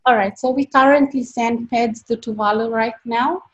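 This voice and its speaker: A woman's voice: on the high side, steady tone, moderate pace. A woman founder answering judges' questions, hesitant with many fillers. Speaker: startup founder pitching. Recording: dull lo-fi sound.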